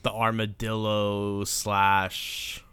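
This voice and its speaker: A man's voice: on the low side, completely flat delivery, very slow, sharp tone, clear, resonant tone, dry recording. A young man co-hosting a podcast, chatting casually about films in an informal, slangy way with some swearing. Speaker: podcast co-host. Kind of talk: casual film chat.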